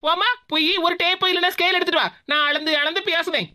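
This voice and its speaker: A woman voicing a sharp-tongued, defiant woman feuding with her mother-in-law in a cartoon, with a Tirunelveli Tamil accent. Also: very high voice, fairly even intonation, fast, heavy background noise. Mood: sarcastic. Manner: sarcastic, cutting retorts.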